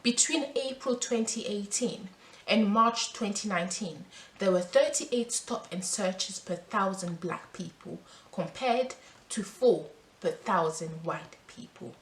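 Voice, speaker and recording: A French woman vlogs earnestly to the camera in an unhurried, mid-range voice, first reading out statistics and then talking off the cuff. She sounds earnest and emphatic, restarting her sentences once she speaks freely. The audio is roomy, with faint noise in the background.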